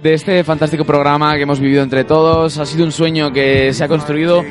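A man's voice: on the high side, little pitch movement, fairly quick, music in the background. A young man hosting a student radio show, joking and self-mocking as he looks back on the season. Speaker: radio show director and host. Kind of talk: casual student radio banter.

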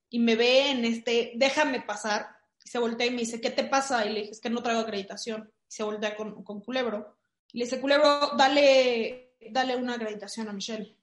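Woman, Mexican Spanish accent, animated storyteller, fairly high voice, echoey room. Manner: animated storytelling with many fillers. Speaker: guest telling a story. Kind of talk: casual chat.

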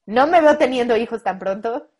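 A young woman with a Mexican accent, close to twenty, telling a story in casual chat, animated and full of slang, acting out what people said. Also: on the high side, normal speed, crowd noise. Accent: Mexican Spanish. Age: late teens. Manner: animated, slangy, acts out quoted lines. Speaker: guest.

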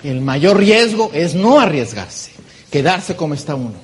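A man giving a motivational business talk from a conference stage, animated and full of rhetorical questions. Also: fairly high pitch, a little slow, a little hiss or hum. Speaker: conference speaker.

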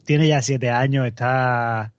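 A man's voice: mid-range voice, steady tone, slow, dry recording. A man in casual chat, telling a story with frequent laughter and acted-out quotes. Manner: laughs often, acts out quoted voices. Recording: dull, slightly muffled, dry audio.

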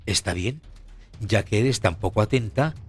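A man doing a calm, stately fairy. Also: fairly low pitch, husky. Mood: stern. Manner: measured, unruffled.

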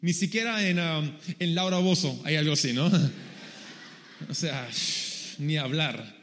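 A man preaching a humorous sermon, telling the story with animated, acted-out voices. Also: on the high side, slow pace. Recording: long hall reverb.

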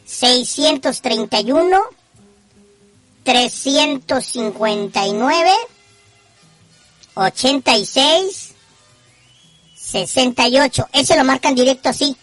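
A woman hosts a live call-in show with a northern Mexican accent. Her voice is high and bright, and she chats casually in slang, teasing and swearing. Faint music plays behind her. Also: slow, pauses often, no echo. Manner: teasing, profane.

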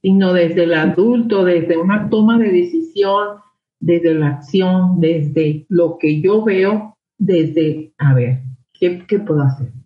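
A woman's voice: fairly low pitch, slow. A middle-aged woman with a Mexican accent speaks reflectively, often turning her thoughts into questions. The recording sounds roomy, with a dull, lo-fi tone. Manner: talks things through aloud, many rhetorical questions. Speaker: guest sharing her experience. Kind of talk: reflective conversation on emotions and parenting.

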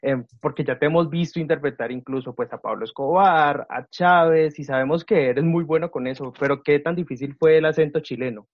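Interviewer with a muffled, dry sound. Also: male voice, on the high side, a little fast, few pauses, no room sound. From Colombia. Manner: brief affirming interjections. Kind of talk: interview questions.

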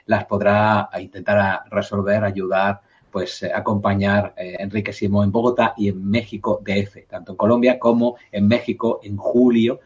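A male radio host with a fairly low voice, chatting easily with his guest. He reads listener messages aloud and asks follow-up questions. The sound is slightly dull and lo-fi. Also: little pitch movement, normal speed, slightly rough. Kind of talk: radio talk show hosting.

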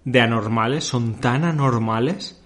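A man's voice: medium pitch, a little slow, a bit bright. A man from co-hosting a casual podcast chat, reacting bluntly and swearing often. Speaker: podcast co-host.

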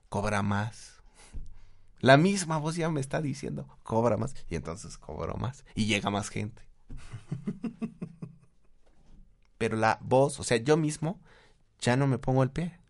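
A man's voice: mid-range voice, lively intonation, measured pace, creaky, long pauses. A man with a Mexican accent giving casual advice, who acts out quoted voices and laughs often. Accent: Mexican Spanish. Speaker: guest speaker, therapist.

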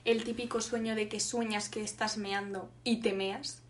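A young woman co-hosting a podcast, telling stories in an animated way and laughing often. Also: medium pitch, normal speed, crowd noise. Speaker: podcast co-host. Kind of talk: casual chat.

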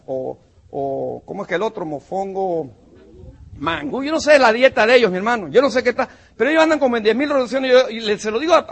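A man from Panama fires up a room of new business recruits with a punchy, emphatic motivational talk. His voice sits high and carries a husky edge. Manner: punchy and emphatic, calls listeners "campeón" and "mi hermano". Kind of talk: motivational talk to a live audience.

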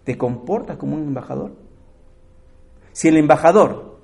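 A man preaching a sermon, shifting between loud emphatic lines and quiet asides and often asking his listeners direct questions. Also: fairly high pitch, expressive, normal speed, creaky.

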